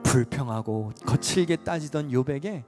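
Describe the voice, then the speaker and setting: A man's voice: mid-range voice, moderate pace. A man preaching a sermon in a large church, dramatic and acting out the voices he quotes. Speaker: pastor. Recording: echoey hall with faint music.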